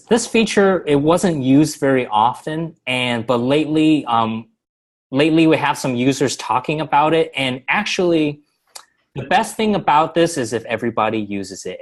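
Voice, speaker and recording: A man presenting a software walkthrough on a webinar, explaining steps with many fillers and halting restarts. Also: mid-range voice, lively intonation. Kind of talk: screen-share software walkthrough.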